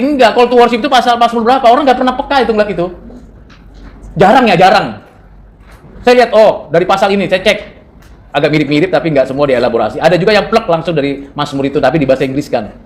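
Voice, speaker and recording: A man from North Sumatra giving a seminary classroom lecture in a conversational way, quizzing his students and dropping in English terms. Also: sits high. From North Sumatra, Indonesia.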